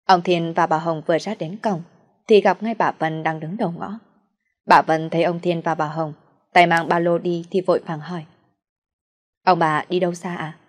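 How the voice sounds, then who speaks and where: A woman narrating an audio drama story with an even, measured reading. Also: fairly low pitch.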